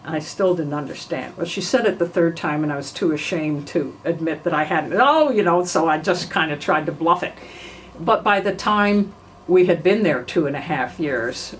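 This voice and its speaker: An older woman from New York recalls her past in a relaxed oral-history style. Her voice sits somewhat low, and she pauses now and then to clear her throat. A faint hiss runs underneath. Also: low-quality recording. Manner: frequent throat clearing, unhurried storytelling. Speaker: family memoir narrator.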